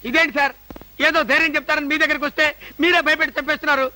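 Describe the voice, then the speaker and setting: An actor playing a timid, frightened client who whines in comic film dialogue. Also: male voice, extremely high pitch, little pitch movement, rapid-fire, sharp tone, exaggerated voice, low-quality recording. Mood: scared. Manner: whining, frightened.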